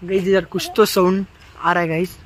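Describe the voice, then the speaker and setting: Poor audio with slight background noise captures a high, level-toned male voice moving a little fast. He's a teenager or young man doing a casual vlog walk-through of an outdoor city park on a handheld phone, chatty and repeatedly addressing viewers as "guys" while blending English words into Hindi.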